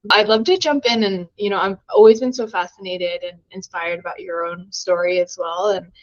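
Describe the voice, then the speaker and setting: A woman's voice: on the low side, fairly even intonation, normal speed, dull audio. A woman hosting a podcast interview, asking long, encouraging questions with "you know" in between. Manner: warm, encouraging, wordy questions. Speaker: podcast host.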